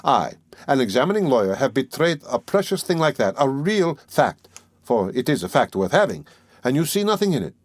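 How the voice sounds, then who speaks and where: A man's voice: medium pitch, big pitch swings, normal speed, no room sound. A man voicing a sly, genial middle-aged examining lawyer who talks in a fussy, teasing way, in an audiobook reading. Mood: sly, chatty.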